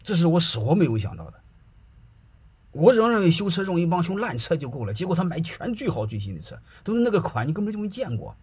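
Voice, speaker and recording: A man's voice: fairly high pitch, sing-song, fast talker, husky. A middle-aged man telling anecdotes to an audience in a chatty, colloquial way, often asking whether listeners follow. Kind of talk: casual storytelling to an audience.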